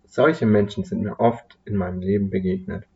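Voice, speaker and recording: A man voicing a gentle, cheerful little old woman who personifies Hope, speaking softly and kindly in a slightly muffled recording. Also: low voice, steady tone, normal speed, lightly acted.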